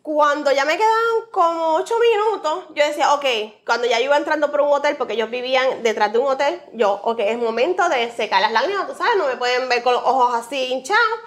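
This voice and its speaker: A woman's voice: high voice, lively intonation, brisk, few pauses. A woman from Rico, sharing a heartfelt, faith-filled personal testimony as an interview guest. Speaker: guest, author.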